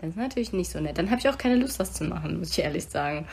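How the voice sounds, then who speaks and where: A woman's voice: fairly low pitch, animated, rapid-fire, gravelly, a little mellow, slightly rough. A woman co-hosting a podcast, talking casually and reflectively about relationships and acting out little quoted remarks. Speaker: podcast co-host.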